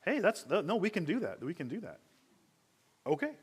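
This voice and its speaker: A man's voice: high-pitched, very animated, normal speed, slightly rough. Conversational man teaching a church class. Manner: conversational, self-correcting, rhetorical questions. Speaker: Bible teacher.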